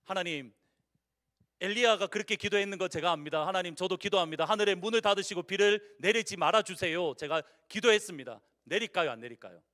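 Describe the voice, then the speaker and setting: A male pastor with a Busan accent preaching a sermon, putting questions to the congregation and swinging from loud declarations to hushed endings. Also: sits high, a little fast. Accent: Busan Korean. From Busan, South Korea. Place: church sanctuary.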